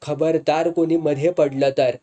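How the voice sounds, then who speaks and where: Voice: mid-range voice, expressive, a little slow, dark tone, lightly acted. A storyteller voicing a crude, domineering male politician who bullies and threatens. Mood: threatening. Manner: abusive, sneering.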